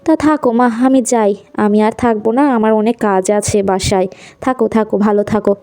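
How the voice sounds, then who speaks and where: A woman's voice: a little high, fairly even intonation, mellow, soft background music, lightly acted. A woman as a kindly old aunt taking leave. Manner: blessing, hurried farewells. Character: older visiting aunt, kindly, busy.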